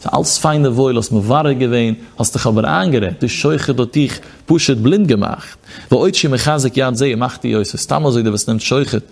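Gravelly man giving a sing-song Torah lecture. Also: mid-range voice, normal speed. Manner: chanting sing-song study cadence, mixing in Hebrew quotations. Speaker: rabbi teaching Torah. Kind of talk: Yiddish-inflected Torah lecture.

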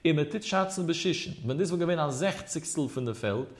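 A man with a somewhat high voice leads a lesson on religious law. He moves between quoting Hebrew passages and explaining them, with a rising and falling study cadence. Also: lively intonation, a little fast.

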